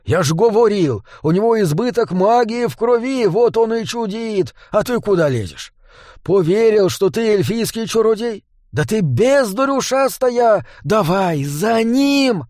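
A man voicing a gruff, foul-mouthed male dwarf boss who barks orders. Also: fairly high pitch, lively intonation, normal speed, darkish tone, dry recording, clean studio sound. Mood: scolding. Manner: barking orders, swearing.

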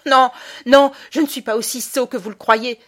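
Woman doing a young boy in an audiobook, high and loud, hurt and defiant. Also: fairly even intonation, moderate pace, close to an everyday voice. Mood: bitter. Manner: high, loud, indignant outbursts. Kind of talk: audiobook character voice.

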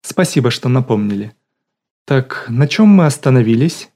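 A man's voice: mid-range voice, expressive, normal speed, mellow. A man voicing a bossy middle-aged woman who swings between syrupy sweetness and barking drill-sergeant commands, in an audiobook. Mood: syrupy eager.

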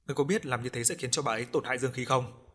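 A man's voice: medium pitch, very fast, a bit bright, husky. A man voicing a Buddhist monk who speaks firmly and with command. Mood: stern. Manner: firm, commanding. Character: calm Buddhist monk, stern toward a spirit.

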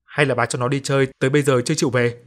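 A man reading a stern, gruff old grandfather. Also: medium pitch, flat delivery, rapid-fire, natural voice. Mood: scolding. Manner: gruff, scolding.

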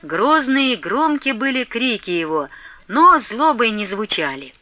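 A woman narrating a classic novel as an audiobook in an expressive storytelling manner. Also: fairly high pitch, unhurried, highs cut off, background noise.

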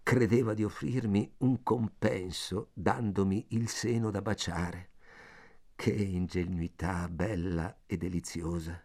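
Slow, measured male audiobook narrator. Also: sits low, steady tone, darkish tone. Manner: measured, intense first-person storytelling. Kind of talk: scripted literary narration.

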